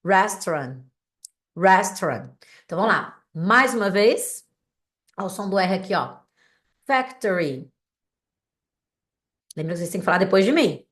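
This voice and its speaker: A Brazilian woman teaching an online English class in Portuguese, drilling vocabulary slowly and checking in with her students often. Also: medium pitch, animated, a bit bright. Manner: drills words slowly and clearly, with frequent "tá?" checks. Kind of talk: recorded online lesson, casual and direct.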